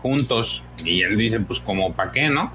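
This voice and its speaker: A man's voice: on the low side, lively intonation, measured pace, noisy background. Man con acento mexicano, voz grave. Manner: hesitant, many fillers, acts out dialogue. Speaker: comics podcast co-host. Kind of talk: casual chat recapping a comic.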